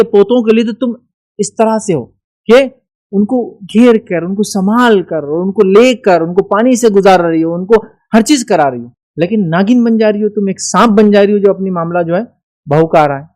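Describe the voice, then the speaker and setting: A man's voice: high-pitched, darkish tone. A man giving a religious lecture, emphatic and full of rhetorical questions. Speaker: Islamic speaker.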